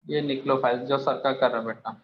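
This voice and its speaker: A man's voice: medium pitch, fairly even intonation, quick pace. A man teaching a chemistry class, firing questions at students and addressing them as beta. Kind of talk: classroom lecture. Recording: echoey room, muffled, faint hiss.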